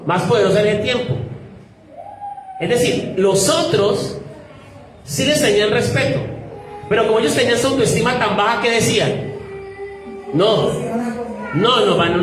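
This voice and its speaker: A man preaching a sermon as pastor, putting fill-in-the-blank questions to the congregation and exhorting them directly. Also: high-pitched. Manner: direct and exhorting, addresses listeners as "usted". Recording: very echoey hall, mic far off, faint noise.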